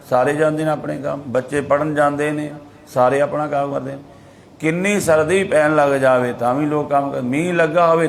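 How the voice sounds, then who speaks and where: A man with a Punjabi accent giving a sermon, slowing right down to chant scripture verses and then explaining them in plain, everyday talk. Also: a little high. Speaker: Sikh preacher giving scripture commentary.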